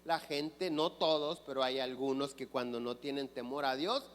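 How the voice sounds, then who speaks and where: A man's voice: mid-range voice, moderate pace. A man preaching a sermon as pastor in a church, asking the congregation questions and answering them himself. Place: church sanctuary. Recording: long reverb of a church hall.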